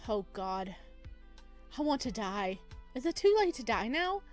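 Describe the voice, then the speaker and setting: A high-voiced woman with a sing-song, unhurried delivery hosts a let's play, chatting and giggling as she reads visual novel text aloud and reacts to it. Music plays behind her voice throughout this casual game commentary.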